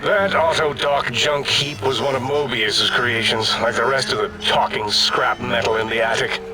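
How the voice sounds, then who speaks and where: An actor playing a pompous, domineering brain-in-a-machine scientist in a video game, declaiming in an imperious, theatrical way. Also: male voice, medium pitch, fairly even intonation, moderate pace, very noisy, close to an everyday voice. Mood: pompous irritation. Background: loud music.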